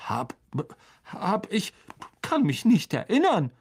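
A reader voicing a vain, flustered male teacher with a high, stammering voice. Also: extremely slow, darkish tone.

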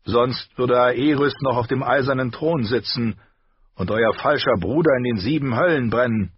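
A man's voice: mid-range voice, moderate pace, husky, no echo, lo-fi sound, pitched above the performer's own voice, close to an everyday voice. A man voicing an old, proud knight of the royal guard, defiant and strained.

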